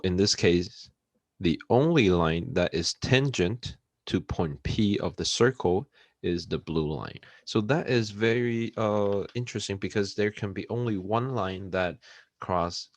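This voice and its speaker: A man giving a recorded math lecture, unhurried, with frequent fillers and checks for understanding. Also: low-pitched, no room sound. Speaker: math instructor.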